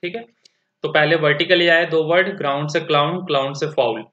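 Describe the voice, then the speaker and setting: A male teacher walking students through a textbook lesson, reading English lines slowly and then explaining them in plain conversational terms. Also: fairly high pitch, fairly bright tone. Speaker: school teacher. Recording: echoey, dull lo-fi audio.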